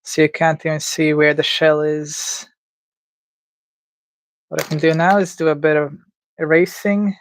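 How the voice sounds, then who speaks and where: Streamer, mid-pitched, dry close sound, casual thinking-aloud commentary, unsure and self-mocking. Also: flat delivery, unhurried, pauses often, dry recording. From Latvia. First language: Latvian. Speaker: livestreamer. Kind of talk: casual commentary while drawing live.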